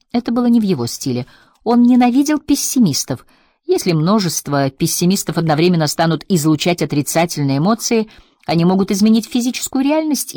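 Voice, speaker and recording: Brief: female audiobook narrator, lower pitch, steady measured delivery. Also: no room sound, clean studio sound. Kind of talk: scripted narration.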